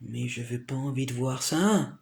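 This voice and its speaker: A vlogger with vocal fry and a medium pitch talks at a moderate pace in a room full of echo. He wanders through a repetitive monologue, constantly checking in with "you understand?"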